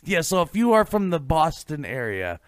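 A man's voice: on the high side, normal speed, dry recording, studio quality. A man co-hosting a paranormal podcast, reading a ghost story aloud and then chatting casually with hesitant fillers. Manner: animated, hesitant in chat with fillers. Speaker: podcast co-host.

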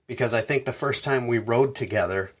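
A man's voice: medium pitch, a little fast. A man hosting a podcast interview, chatting casually and laughing along with his guest. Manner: laughs easily, lively. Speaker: podcast host.

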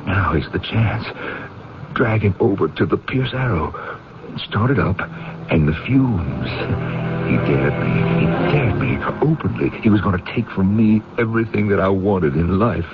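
A scheming jealous killer. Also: male voice, low-pitched, expressive, a little slow. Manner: brooding, muttering to himself in asides. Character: jealous man plotting to kill his rival. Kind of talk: 1980s radio drama acting. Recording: dull old radio recording with music.

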